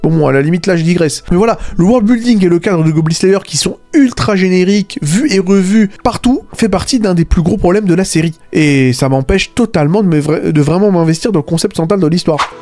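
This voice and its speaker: Talking a little fast with few pauses, a man with a high, mellow voice gives a casual spoken video essay critiquing anime. His tone is sarcastic, he makes mocking asides, and he regularly fills gaps between points with "voilà" and "hein".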